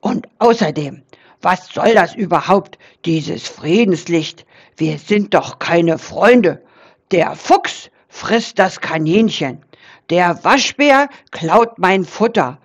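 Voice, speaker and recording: Woman doing a gruff, grumpy wild boar. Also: on the low side, expressive, takes it slowly. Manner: gruff, grumbling.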